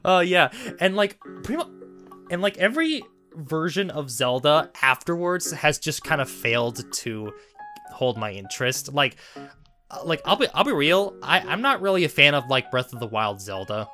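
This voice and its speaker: Lively bright-voiced young man. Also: a little high, moderate pace, faint music behind. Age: 20s. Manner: animated, giggly, acts out quotes. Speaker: podcast host. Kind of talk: casual chat.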